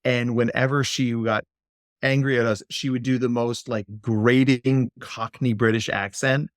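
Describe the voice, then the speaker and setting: A man, a clinical psychologist, talking as a guest in a podcast interview. He speaks in an animated, playful way and slips into silly voices. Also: medium pitch, unhurried, dry recording, studio quality.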